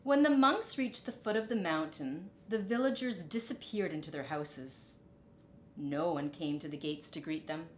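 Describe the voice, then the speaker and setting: With a roomy echo and a faint rumble underneath, the clip features a middle-aged woman reading a storybook aloud. Her delivery is teacher-like, deliberate, and expressive, broken up by brief explanatory remarks.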